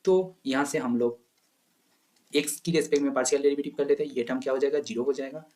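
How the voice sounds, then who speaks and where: A man's voice: mid-range voice, fast talker, darkish tone. A man teaching a maths lecture, asking questions and answering them himself, mixing in English terms. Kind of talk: lecture to exam students.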